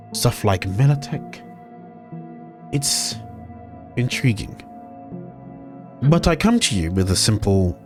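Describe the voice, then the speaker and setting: A man voicing a powerful, wealthy corporate woman in a tabletop game, speaking smoothly, politely and with quiet assurance. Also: on the low side.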